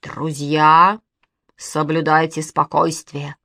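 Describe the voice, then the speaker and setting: A woman's voice: sits low, flat delivery, vocal fry, a bit bright, dry recording, clean studio sound, pitched below the performer's own voice, full character voice. Woman reading as a boastful boy playing at being brave. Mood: ominous. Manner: mock-ominous, slow and self-important.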